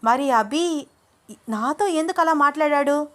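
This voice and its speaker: A woman doing a shrill, furious young schemer. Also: a little slow. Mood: angry. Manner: shouting, scolding. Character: scheming young woman, jealous and hot-tempered.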